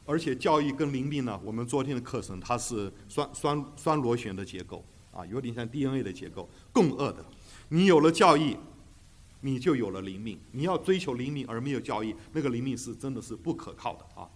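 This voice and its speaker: A man's voice: mid-range voice, expressive, a little fast. A man teaching a Bible class, emphatic, asking rhetorical questions and hesitating often with fillers, dropping English terms into his talk. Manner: drops English terms into speech.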